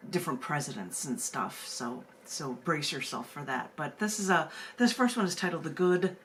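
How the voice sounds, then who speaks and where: A woman with a low, animated voice speaking at normal speed hosts a video call open mic and reads her own poetry aloud. She moves between casual chatter and narrative reading, and the recording carries noisy room sound.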